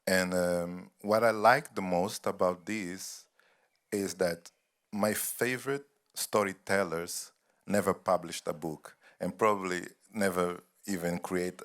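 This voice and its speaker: A man's voice: low-pitched, fairly bright tone. A man from Angola moderating a festival panel, musing and searching for words as he talks. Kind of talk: panel conversation.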